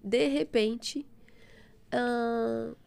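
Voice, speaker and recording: A middle-aged woman, giving a fervent, expressive testimony of faith as a guest. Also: fairly high pitch, drawn-out words, vocal fry, smooth.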